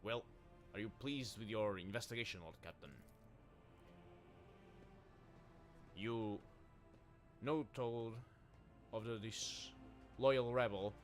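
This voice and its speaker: A man's voice: on the low side, unhurried, soft background music, lightly acted. A man voicing a stern, proud older male seneschal and former navy officer, who speaks in a formal, reproachful way.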